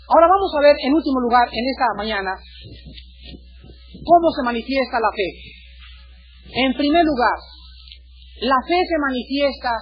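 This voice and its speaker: Mexican preacher, high voice, lively and joking in the pulpit, dull lo-fi recording. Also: male voice. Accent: Mexican Spanish. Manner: animated preaching with joking asides. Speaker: pastor. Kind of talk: sermon.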